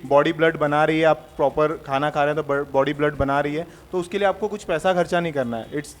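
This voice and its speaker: A man who has donated blood, answering an interviewer in a relaxed, reassuring way with English phrases mixed in. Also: a little high, fairly quick. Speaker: blood donor guest.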